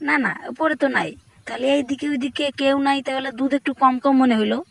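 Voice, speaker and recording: A single dubber voicing a grumpy male cartoon cat in a comic fan dub, muttering loudly and suspiciously to himself. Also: high-pitched, fast, vocal fry.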